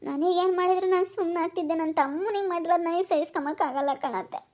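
A woman's voice: very high voice, fast talker, a little mellow. Woman playing a tearful accusing elder sister. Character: grieving young woman, motherless elder sister. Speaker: village family drama actress. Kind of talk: emotional rural family drama.

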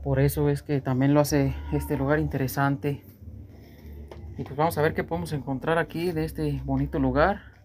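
Guy metal detecting out in a field, slightly high but mellow voice, chatty with lots of fillers, faint noise behind. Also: level tone, moderate pace. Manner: chatty, addresses viewers as companions, frequent fillers. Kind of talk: casual outdoor narration to camera. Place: outdoors in a rural field.

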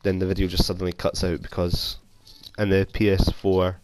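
This gaming YouTuber, a young Scot nursing a cold, chats through his video game in a casual, rambling, self-deprecating way. His deep voice stays monotone at normal speed, darkish, clear, and resonant, captured on a console headset mic without any room sound.

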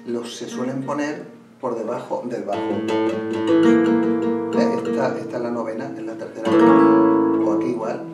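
A man teaching flamenco guitar, explaining slowly and pausing as he plays, sometimes restarting a phrase. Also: mid-range voice. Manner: unhurried, pauses while playing, restarts phrases. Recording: roomy room, mic at a distance. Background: guitar playing.

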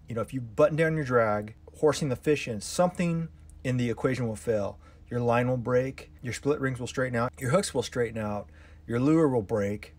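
A man's voice: mid-range voice, darkish tone. A middle-aged man hosting a casual fishing vlog, walking viewers through his lures, hooks and split rings and calling them guys. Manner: explanatory, hands-on, addresses viewers as guys. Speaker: fishing channel host. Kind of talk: casual tackle-prep vlog narration.

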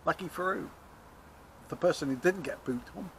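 A man's voice: on the high side, moderate pace, a little hiss or hum. A man, chatting casually to a handheld camera at an allotment garden, joking about himself. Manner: chatty, self-mocking, laughs at himself. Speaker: allotment vlogger. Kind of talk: casual vlog chat. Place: outdoor allotment garden, by a shed. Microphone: handheld camera close to face.

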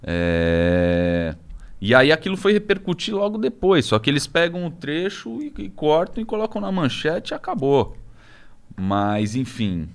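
A young Brazilian man with a Brazilian Portuguese accent, a podcast guest talking casually and haltingly with many restarts. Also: a little high, sing-song. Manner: hesitant, many restarts and fillers. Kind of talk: casual interview talk.

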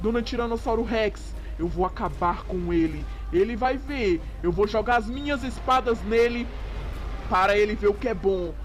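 A man voicing a young grown male Tyrannosaurus hero, soft-spoken and earnest. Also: sits high, moderate pace, close to an everyday voice. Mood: earnest heroic.

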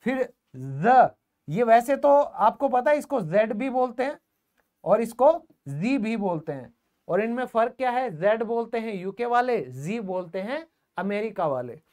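A man's voice: very high voice, expressive, a little slow, darkish tone. A man teaching English in an online classroom lesson. He asks the class questions, answers them himself, and repeats the key words. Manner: calls the viewers "friends" often and repeats key words.

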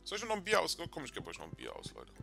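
Let's play host, male, lively gravelly voice, excitable, game music underneath. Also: a little high, very fast. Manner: chatty, excitable, talks to viewers. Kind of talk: casual gameplay commentary.

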